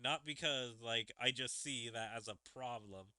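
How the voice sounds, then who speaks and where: A man's voice: medium pitch, normal speed, pushed and bright, no echo. A man reacting to a video in a casual, rambling way, filling his speech with "like". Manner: rambling, lots of "like" fillers. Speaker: reaction streamer.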